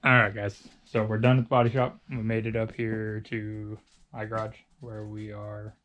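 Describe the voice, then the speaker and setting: A man casually narrating a walkthrough of a car project in a shop, relaxed and loose, with fillers and restarts. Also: on the low side, moderate pace, lo-fi sound. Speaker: garage vlogger. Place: body shop and home garage.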